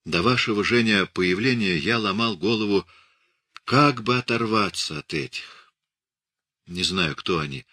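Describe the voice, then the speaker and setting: A weary, hunted middle-aged scientist, read aloud by a man. He talks quietly and resignedly in a deep, husky voice with a sharp, bright edge, close and dry, as in an audiobook. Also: a little slow, no room sound.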